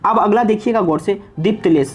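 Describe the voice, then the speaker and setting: His voice sits high with a breathy edge, and he takes his time. In a casual online class, the young man teaches English words, joking around and repeating "okay" constantly.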